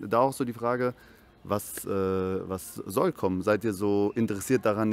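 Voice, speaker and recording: A man's voice: fairly low pitch, darkish tone. A young man interviewing casually, with plenty of slang. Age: young adult. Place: outdoors in a leafy park. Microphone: handheld interview microphone.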